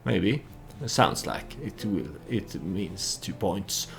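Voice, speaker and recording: Slow, gravelly and low, this man's voice is still animated as he hosts a let's play. English is not his first language, and his casual commentary and storytelling wander hesitantly.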